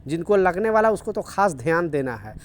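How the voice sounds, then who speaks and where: A man's voice: high-pitched, sing-song, brisk. A man giving casual video news updates for workers in the Gulf, earnest and repetitive, urging viewers to take care. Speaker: news vlogger for workers in the UAE.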